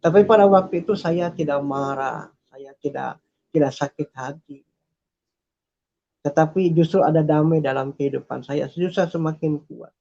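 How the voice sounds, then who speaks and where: A man with a gravelly, dark voice shares a personal faith testimony, earnest and repetitive, often stopping with small fillers. His pitch stays flat and level. The recording sounds dull and lo-fi. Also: moderate pace. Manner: earnest, repeats phrases, hesitates with fillers. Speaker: testimony speaker.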